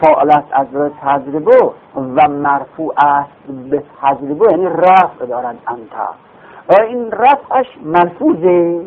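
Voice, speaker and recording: Gravelly man lecturing over a tinny line. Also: on the high side. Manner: explains patiently, repeats terms, asks and answers his own questions. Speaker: teacher of Arabic grammar. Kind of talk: classroom lecture. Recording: phone-like lo-fi recording.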